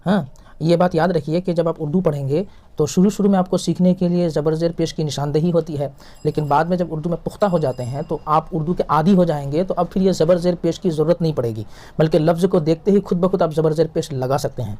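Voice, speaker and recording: A man teaching a reading lesson, patiently sounding out syllables and repeating each example slowly. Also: fairly high pitch, mellow. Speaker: Urdu teacher.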